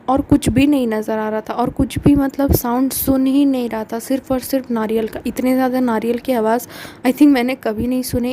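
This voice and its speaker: Young woman vlogging a family trip, mixes in english words, kinda high voice, faint background hum. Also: dark tone, poor audio. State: feeling feverish, speaking softly. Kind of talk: casual travel vlog chat.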